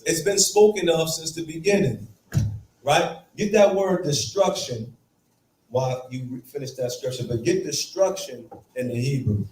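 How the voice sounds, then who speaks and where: A man's voice: on the high side, normal speed, a little mellow, a little hiss or hum. A man teaching a Bible class, emphatic and throwing rhetorical questions at his students. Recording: echoey room from far off, faint ambience.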